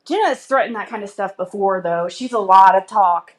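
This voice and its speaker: A woman's voice: medium pitch, brisk. A woman chatting casually and bluntly to viewers on a livestream, rambling in a gossipy, sweary way.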